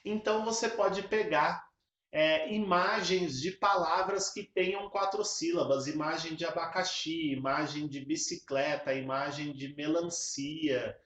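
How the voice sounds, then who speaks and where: Man, higher voice, music teacher demoing a clapping game, chanting syllables, echoey room. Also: unhurried, a bit bright. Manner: explains step by step, chants rhythmic syllables. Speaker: music educator. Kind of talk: casual teaching video.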